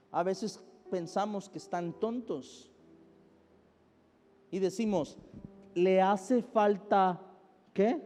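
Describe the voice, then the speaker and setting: A Mexican man in his thirties preaching a sermon as a pastor, stressing words loudly and then dropping soft, calling for amens. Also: very high-pitched. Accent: Mexican Spanish. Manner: emphatic, shifts between loud stress and soft drops, calls for amens. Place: large church hall. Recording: echoey church hall with music behind.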